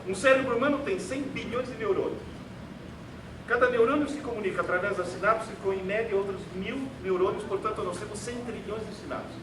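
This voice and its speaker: In a large, echoey hall, a high-voiced man lectures an auditorium crowd theatrically, sarcastically and emphatically, speaking Portuguese as a non-native. The mic is far away and the recording is noticeably noisy.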